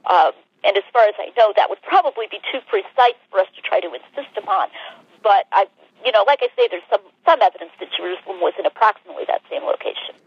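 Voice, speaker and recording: A woman author speaking over the phone, explaining carefully in a measured way, with frequent hesitations. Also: mid-range voice, lively intonation, slightly rough, no echo. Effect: heard over the phone. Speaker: author being interviewed. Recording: dull, narrowband phone-line sound.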